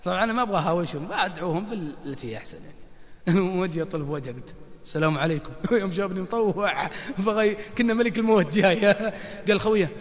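A man's voice: high-pitched, rapid-fire, in a large hall. A man with a Gulf Arabic accent preaching a colloquial sermon, joking and telling anecdotes while he keeps asking his listeners "isn't that right, brothers?". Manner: animated, joking, addresses audience as brothers. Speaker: religious preacher.

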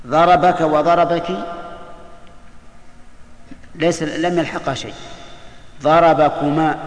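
Man teaching grammar in an echoey hall. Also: mid-range voice. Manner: asks students quick check questions; repeats key terms slowly. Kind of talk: classroom grammar lesson. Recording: echoey hall with long reverb.

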